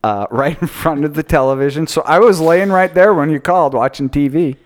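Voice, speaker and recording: A man's voice: on the high side, brisk. A man co-hosting a podcast, telling rambling stories in casual chat and laughing often. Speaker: podcast co-host.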